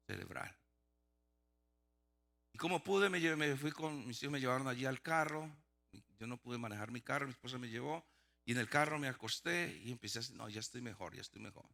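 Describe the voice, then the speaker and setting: Hombre predicador con voz áspera y brillante. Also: male voice, medium pitch, gravelly, bright, forceful tone. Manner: storytelling, acts out dialogue, many restarts. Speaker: pastor. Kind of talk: sermon testimony.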